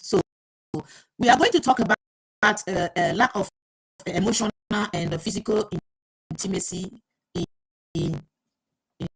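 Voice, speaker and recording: Over a rough recording, a woman with a mid-range voice runs a live online talk show using an earpiece mic. She talks through technical problems in a flustered way, stumbling with many fillers and restarts.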